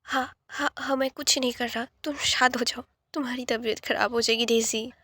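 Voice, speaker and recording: A protective young brother, quick to anger, coaxes his sister with stammering words, as a woman narrator plays him. The voice stays light and high. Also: a bit bright, no room sound. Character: protective older brother, young man, hot-tempered.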